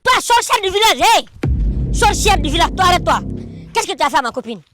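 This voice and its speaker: A man's voice: extremely high pitch, sing-song, fast, music in the background. A man playing a boastful boyfriend who promises to fix things and then scolds a village woman, in a comedy film. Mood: scolding. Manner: brash, scolding. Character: boastful fixer boyfriend calling himself the solution.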